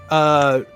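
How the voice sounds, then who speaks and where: A man running a tabletop game as game master, narrating with many fillers and pauses. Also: on the high side.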